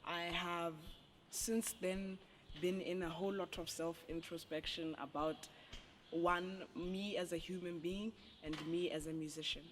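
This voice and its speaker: A young adult musician, answering interview questions in a deliberate way. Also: mid-range voice, steady tone, slight background noise. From Botswana.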